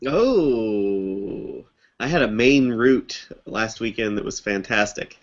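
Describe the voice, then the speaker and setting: A man's voice: on the low side, expressive, slow, dull audio. A man chatting on a podcast, joking and a little distracted. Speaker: podcast guest. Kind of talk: casual chat.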